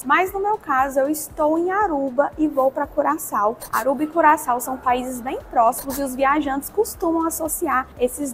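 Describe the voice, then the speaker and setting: A woman's voice: sits high, slight background noise. A woman from Brazil narrating a travel vlog in a friendly, chatty way, talking straight to her viewers. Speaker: travel vlogger.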